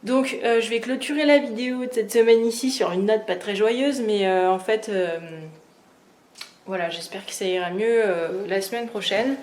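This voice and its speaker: A woman with a medium-pitched, slightly mellow voice speaks at normal speed in an echoey room. She's a DIY renovation vlogger doing her own bathroom, chatting casually to the camera and venting her irritation with plenty of fillers and restarts.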